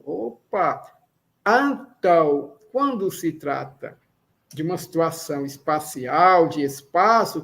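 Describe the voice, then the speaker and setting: A Brazilian man teaching an Esperanto lesson, explaining patiently and repeating example sentences slowly. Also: high-pitched, creaky, fairly bright tone. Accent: Brazilian Portuguese. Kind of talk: slow classroom explanation.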